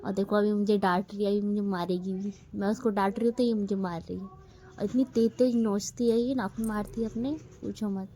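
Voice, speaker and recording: A woman's voice: medium pitch, fairly even intonation, brisk, dark tone. A woman in her thirties, a mother, chatting casually to her viewers at home in a family vlog, fondly grumbling about her child. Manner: chatty, scolding-fond, addresses viewers directly.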